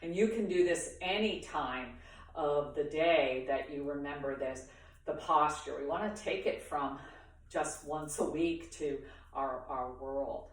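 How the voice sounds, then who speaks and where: A woman with a low voice leads a beginners' tai chi lesson, recorded at a distance in a very echoey room. She speaks slowly, talking through each movement in short phrases with pauses between them. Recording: very echoey room, far from the mic.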